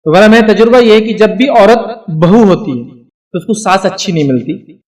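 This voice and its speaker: A man's voice: high-pitched, moderate pace, a little mellow. A middle-aged man giving a religious advice talk to a live audience, emphatic and full of rhetorical check-ins. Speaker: lecturer answering audience questions. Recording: voice picked up from a distance.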